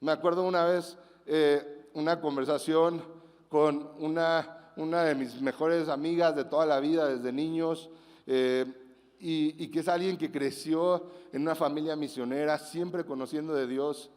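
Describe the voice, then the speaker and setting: A man preaches a sermon in a high, light voice. He talks conversationally and acts out the quotes with animation. The sound rings with the long reverb of a large hall. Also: steady tone, a little slow, a little mellow, smooth. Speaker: pastor.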